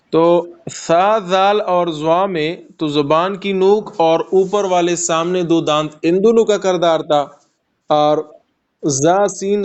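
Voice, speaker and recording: A man with a Pakistani Urdu accent teaches Quran recitation in an online class. His voice sits high, and he patiently stretches out letter sounds, repeating them so a student can copy. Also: a little mellow, dull audio. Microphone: online call.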